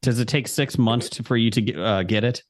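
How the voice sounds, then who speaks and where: A man's voice: mid-range voice, a little fast. A man guesting on a casual movie-review podcast, with a dry, wry humor.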